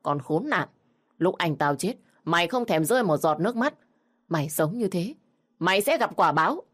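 A woman's voice: lowish voice, lively intonation, moderate pace. A woman voicing a violent, threatening young man in a storybook reading. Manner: threatening, shouting. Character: violent drugged young brother-in-law.

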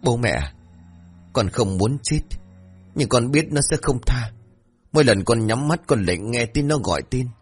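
A man's voice: medium pitch, animated, moderate pace, slightly rough, soft background music. A man voicing a terrified young son, injured and haunted, telling his parents what he saw in a trembling, pleading voice.

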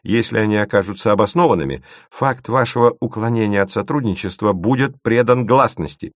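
A man's voice: fairly low pitch, brisk, no room sound, close to an everyday voice. A man reading the part of a small-voiced, determined young woman investigator, insistent and turning cool and formal. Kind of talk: audiobook reading.

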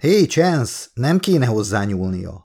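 A man's voice: mid-range voice, sing-song, dark tone, husky. A man voicing a commanding male captain in an audiobook, barking orders. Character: commanding ship captain, middle-aged man.

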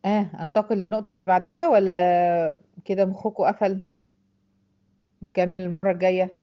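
Egyptian lady teacher going over tajweed rules quick, keeps asking if u got it, kinda dull lo-fi sound. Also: fairly low pitch, level tone. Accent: Egyptian Arabic. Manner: explains patiently, asks students if they follow. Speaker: Quran recitation teacher. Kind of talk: online tajweed lesson.

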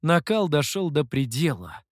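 An audiobook narrator giving an expressive scripted narration. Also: medium pitch, unhurried, no echo, studio quality.

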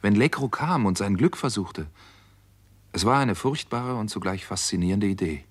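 In a 1960s German radio crime drama, a male actor plays the lead and narrator, a wary, brooding American doctor recounting his own case. His voice is low and husky, animated yet tense, delivered at a normal speed.

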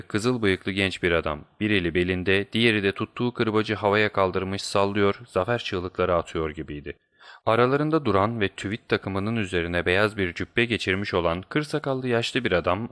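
Deep-voiced male audiobook narrator. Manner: steady storytelling, voicing each character.

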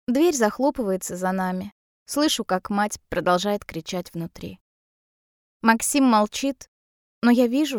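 A woman reads an audiobook in the first person, tense and close. Her voice sits fairly high. The recording is dry, with no room sound. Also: no room sound. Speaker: audiobook narrator.

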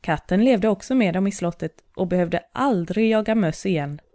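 Female storybook narrator: calm, even, warm dark tone, dry close recording. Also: medium pitch, no echo.

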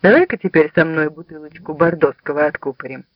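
A man doing a soft, ingratiating young dandy. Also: fairly high pitch, fairly quick, natural voice. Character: smooth-talking young male dandy, ingratiating and sly. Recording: slightly dull lo-fi sound.

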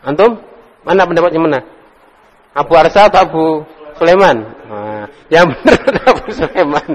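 A man leads a classroom lesson, his voice sitting a little high. He quizzes students, sounds out words slowly and corrects them with light teasing. The recording rings with the long echo of a hall. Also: lively intonation. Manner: drills pronunciation slowly, corrects and teases students. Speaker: Arabic teacher.

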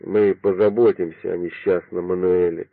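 Man reading as a stoic old nobleman, low and solemn, holding it together, tinny phone-ish sound. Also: little pitch movement, normal speed, gravelly, no echo. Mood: solemn grief. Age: older. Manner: solemn, restrained. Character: stoic grieving old nobleman, dignified father. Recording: dry, phone-like narrow sound.

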